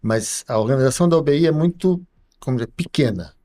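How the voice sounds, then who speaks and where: A middle-aged man, a university professor, explaining things slowly as a podcast guest, with many pauses and tag questions. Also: medium pitch, lively intonation, warm tone. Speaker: computer science professor guest. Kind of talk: podcast interview.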